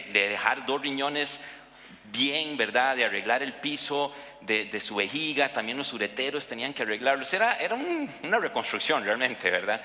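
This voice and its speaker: A man's voice: mid-range voice, bright, forceful tone, reverberant, in a large hall. A man, preaching conversationally and telling a family story, with fillers and tag questions. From Costa Rica. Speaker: pastor. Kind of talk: sermon with personal story.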